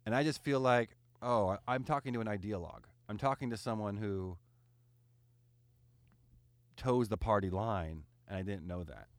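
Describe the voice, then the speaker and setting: A man hosting a casual podcast, talking his opinions through in a rambling, animated way with fillers and restarts. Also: lowish voice, moderate pace, pauses often, no echo.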